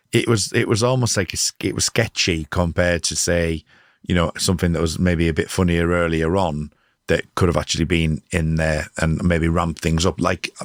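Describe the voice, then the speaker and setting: A man's voice: sits low, dry recording, clean studio sound. A man hosting a podcast, chatting loosely and often correcting himself mid-sentence. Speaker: podcast host. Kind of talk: casual podcast interview.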